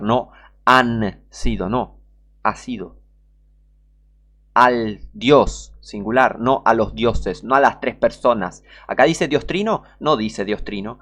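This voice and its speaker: A man's voice: medium pitch, a bit bright. Emphatic scolding Rioplatense preacher man. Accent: Rioplatense Spanish. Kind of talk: online sermon.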